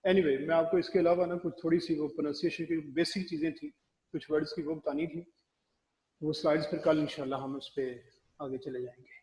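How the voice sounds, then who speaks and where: A man teaching English pronunciation in a recorded classroom lecture, explaining slowly and spelling words out letter by letter. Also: fairly high pitch, steady tone, a little mellow, reverberant, big-room sound, poor audio.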